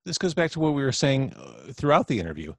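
A man's voice: mid-range voice, huge pitch swings, fast, no echo. A man hosting an interview, casual and agreeable, swearing freely. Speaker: interview host. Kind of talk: conversational podcast interview.

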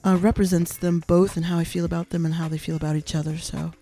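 A woman's voice: on the low side, little pitch movement, quick pace, dark tone. A middle-aged woman from the United States, a singer co-hosting a radio show, chatting playfully and laughing often. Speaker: singer and co-host. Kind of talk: casual radio chat.

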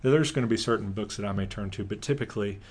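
A man's voice: on the low side, fast, a little mellow, breathy edge. Casual male pastor with a joking streak. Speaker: pastor, podcast co-host. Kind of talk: casual conversation.

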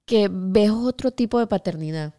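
A woman in her thirties with a Venezuelan accent, co-hosting a casual podcast chat, warm-hearted, slangy and quick to laugh. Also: medium pitch, no room sound, studio quality. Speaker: podcast co-host. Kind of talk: casual chat between friends.

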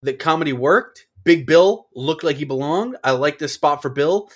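A man's voice: fairly high pitch, moderate pace, husky. A man co-hosting a podcast, casually recapping results and reacting with offhand swearing. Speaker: wrestling podcast co-host.

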